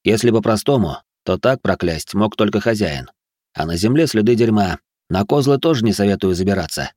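Man doing a measured, learned noble sorcerer. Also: lowish voice, lively intonation, darkish tone, no echo, clean studio sound. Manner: measured, slow, lecturing.

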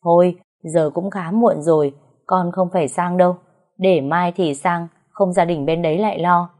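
A stern aging father, as a woman storyteller puts him on. He scolds and lectures in a firm, unhurried way, low and mellow in tone. It is a spoken audio story. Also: steady tone, close to an everyday voice. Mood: deciding. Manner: firm, scolding, slow and measured.

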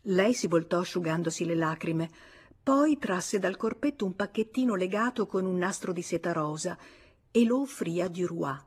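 A woman narrating an audiobook with measured, even storytelling. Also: on the low side, husky. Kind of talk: audiobook reading.

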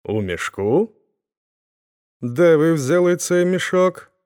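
A man's voice: fairly high pitch, big pitch swings, slow pace, darkish tone, pitched above the performer's own voice. A man voicing a bewildered middle-aged village Cossack who exclaims and grumbles in a raised voice. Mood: flustered. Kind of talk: audiobook character voice.

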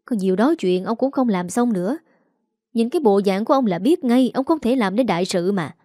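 A woman voicing a shrill, scheming young wife who nags her husband, in a Southern Vietnamese accent. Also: expressive, a little fast, warm tone, no room sound, studio quality, lightly acted. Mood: shrill nagging. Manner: shrill, nagging.

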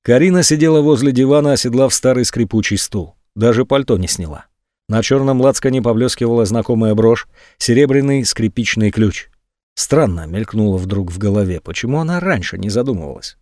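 Calm male audiobook narrator, dry sound. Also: medium pitch, a little fast, no room sound. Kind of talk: audiobook reading.

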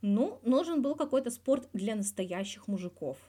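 In a fan fiction audio reading, a woman plays a guarded male hockey star in his thirties during a scripted interview, reflective in mood. Her voice is a little high and mellow, with lively intonation at a moderate pace, and the character is candid, wry, and colloquial with swearing.

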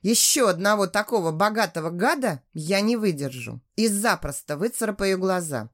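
A woman narrating a first-person audiobook in an expressive, lively reading. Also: medium pitch, moderate pace.

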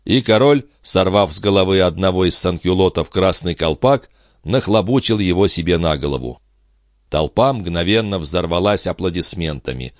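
A man narrating an audiobook in an expressive, steady storytelling manner. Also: sits low, normal speed, no echo, studio quality. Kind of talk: scripted narration.

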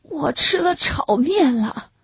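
A woman's voice: sits high, lively intonation, gravelly, voice pushed up, exaggerated voice. A woman voicing a sick middle-aged male camp inmate who wails and chokes on tears as he speaks. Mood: wailing. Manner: wailing, choked with tears, drawn-out. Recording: dull lo-fi recording.

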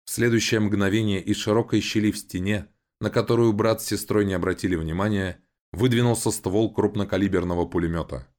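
Deep-voiced male audiobook narrator. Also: steady tone, fairly quick, a little mellow.

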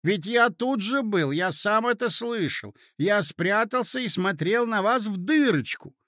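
A man's voice: high-pitched, animated, measured pace, pushed and bright, dry recording, clean studio sound, voice pushed up, exaggerated voice. A man voicing a flustered young suitor who pleads urgently. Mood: pleading.

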